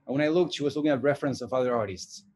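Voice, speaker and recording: A man from Argentina in his forties, working as an animation director and teacher, chats about his job in a casual interview. His ordinary mid-range voice is slightly mellow, and he speaks slowly and thoughtfully, often hesitating and restarting as he looks for the right words.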